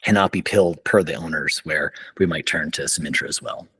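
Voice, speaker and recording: A man's voice: very deep voice, fairly quick, fairly bright tone, breathy edge. A man moderating an online journal club over a video call, chatty and upbeat, with many fillers and restarts. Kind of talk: casual online meeting chat.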